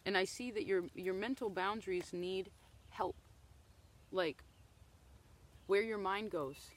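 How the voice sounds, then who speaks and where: A woman's voice: mid-range voice, takes it slowly, slight background noise. A woman giving a casual tarot reading outdoors in the woods, talking loosely and often checking in with "okay?". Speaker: tarot reader.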